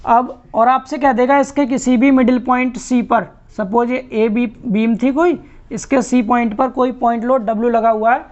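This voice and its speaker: A man's voice: very high voice, steady tone, moderate pace, darkish tone. A man teaching an online lecture, explaining step by step and repeating key terms. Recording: muffled lo-fi recording.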